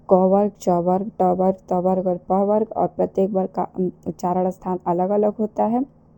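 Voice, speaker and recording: A woman's voice: mid-range voice, gravelly, mellow. A woman teaching an exam-prep lesson, asking rhetorical questions and answering them herself. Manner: slow, repeats and asks rhetorical questions.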